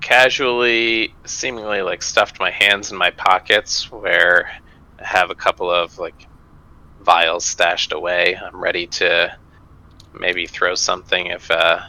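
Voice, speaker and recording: Deep-voiced, bright-toned hesitant gamer man. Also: little pitch movement, slow, poor audio. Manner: hesitant, filler-heavy. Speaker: player. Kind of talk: casual tabletop game talk.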